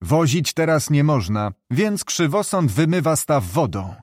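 A man voicing a gruff, scornful older male estate administrator who mocks and blusters. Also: on the high side, big pitch swings, a little slow, darkish tone, dry recording. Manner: mocking, blustering.

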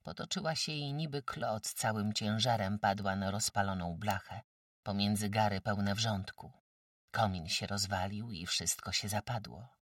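A man narrating a classic novel as an audiobook, with dramatic, expressive storytelling. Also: on the low side, normal speed, dry recording, clean studio sound, recorded from a distance.

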